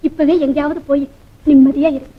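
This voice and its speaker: A woman's voice: sits high, level tone, fairly quick, phone-quality sound, close to an everyday voice. An actress playing a jealous rich young woman who talks in a bitter, taunting way in a classic film. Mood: scornful.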